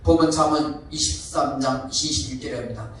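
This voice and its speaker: A man's voice: mid-range voice, fairly quick, fairly bright tone. A male pastor preaching a sermon, emphatic and often asking the congregation questions. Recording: echoey hall from far off.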